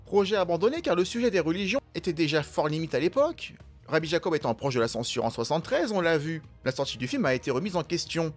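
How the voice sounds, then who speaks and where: A man's voice: a little high, very animated, fast talker, faint music behind. A man hosting an enthusiastic, chatty, opinionated film commentary. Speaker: film video host.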